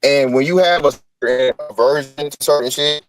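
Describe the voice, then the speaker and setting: A man's voice: mid-range voice, moderate pace, soft background music. Man on a glitchy, breaking-up call. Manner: rambling, full of fillers and restarts. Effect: glitchy, breaking-up call audio. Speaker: livestream co-host. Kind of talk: casual chat.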